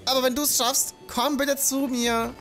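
A man's voice: extremely high pitch, little pitch movement, a little slow, fairly bright tone, faint music behind, voice pushed up, full character voice. A man voicing an eager, grateful young village boy in a video game.

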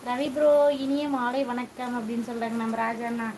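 A woman's voice: on the high side, fairly even intonation, fairly quick, a little mellow, slight background noise, poor audio. A woman with a Tamil accent hosting a casual live stream from her home kitchen on a phone, cooking while she chats and greets viewers by name. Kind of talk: casual live chat reading viewer comments.

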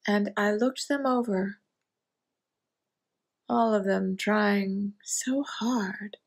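A woman's voice: medium pitch, steady tone, drawn-out words, gravelly. A woman performing a theatrical monologue as a wry, hard-drinking middle-aged woman, sardonic and self-mocking.

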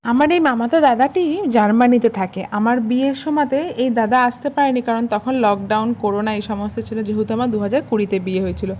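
A woman's voice: on the high side, fast, few pauses, a little mellow, slight background noise. A young woman from Kolkata, chatting directly to her viewers as she narrates her family vlog. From Kolkata, India. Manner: homely, conversational storytelling. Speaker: family vlogger. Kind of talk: casual vlog voice-over.

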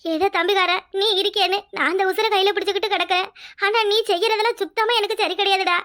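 A woman voicing an anxious village mother, very high. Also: fairly even intonation, quick pace, a bit bright. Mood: tearful. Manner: pleading, scolding, emotional. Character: worried, tearful older village mother and sister. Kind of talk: cartoon voice acting.

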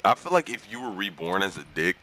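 A man's voice: deep voice, sing-song, fast, sharp tone, a little hiss or hum, poor audio. A young man bantering crudely and laughing over a video game with a friend. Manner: crude, laughing, teasing slang. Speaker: gamer. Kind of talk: casual gaming banter.

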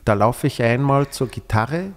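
A man with a Swiss German accent, a comedian guest in casual chat, telling lively anecdotes and acting out the voices of the people in them. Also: mid-range voice, normal speed, long reverb tail. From Switzerland. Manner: lively storyteller, acts out quoted voices.

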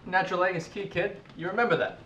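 Brisk cinematographer, fast, distant mic, faint noise. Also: male voice, high-pitched, sharp tone. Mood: matter-of-fact. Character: brisk male cinematographer on a film set. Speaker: cameraman. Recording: echoey room, distant mic.

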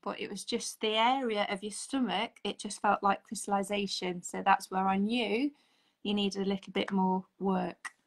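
A woman's voice: mid-range voice, fairly even intonation, moderate pace. A woman in her forties, a holistic therapist, chatting earnestly as a guest on a video call. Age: 40s. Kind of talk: casual video-call chat. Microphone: video call, audio only.

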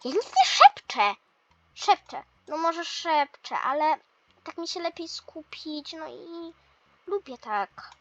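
A shy, anxious schoolgirl mumbles her worries in a quiet, hesitant voice, as a woman plays her. The voice is high. The recording sounds dull and lo-fi. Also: sing-song, takes it slowly, a little hiss or hum, full character voice. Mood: defensive. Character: shy, anxious schoolgirl who whispers to herself. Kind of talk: toy role-play lesson.

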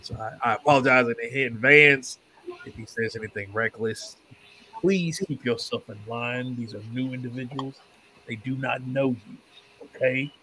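A man voicing a smooth, polite caravan leader who talks slowly and apologetically. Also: medium pitch, steady tone, sharp tone, a little hiss or hum, lightly acted, poor audio. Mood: placating.

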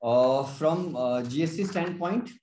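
Indian accent guy doing a webinar explainer, bit higher voice, keeps rephrasing, echoey room. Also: measured pace, warm tone, a little hiss or hum. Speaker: tax consultant presenting a webinar. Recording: roomy, echoing webinar audio.

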